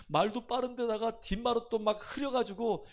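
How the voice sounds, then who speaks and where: A man's voice: extremely high pitch, fairly even intonation, normal speed, pitched above the performer's own voice. A man voicing his young adult daughter, who pleads and whines to her father in an exasperated way. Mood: whiny.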